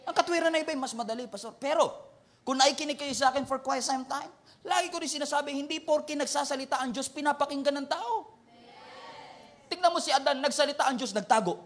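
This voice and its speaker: A man's voice: very high voice, fast talker, fairly bright tone. A man with a Filipino accent preaching a sermon, switching between Filipino and English and acting out people from his church. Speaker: pastor.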